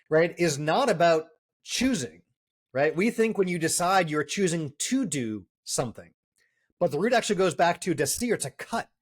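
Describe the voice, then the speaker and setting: A man in his forties from the Boston area, a guest on a podcast, telling his story in a quick, chatty way. His voice sits a little high for a man, and his sentences are full of casual fillers. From Boston area, US East Coast. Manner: fast-talking, storytelling, many fillers. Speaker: entrepreneur guest. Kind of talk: casual interview.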